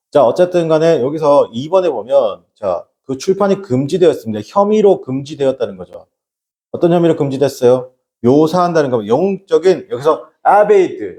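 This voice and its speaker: A man with a warm, mid-range voice lectures a class on exam English for transfer exams. He's blunt and scolding, constantly firing rhetorical questions at his students.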